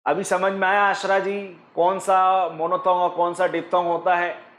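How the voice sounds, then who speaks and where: A man teaching an online exam-prep class, walking his students through each point one at a time. His voice sits high, and it rings out in a roomy space. He often stops to ask the class a question. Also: monotone, moderate pace, a bit bright. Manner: explains step by step, asks the class questions; mixes English terms into his teaching.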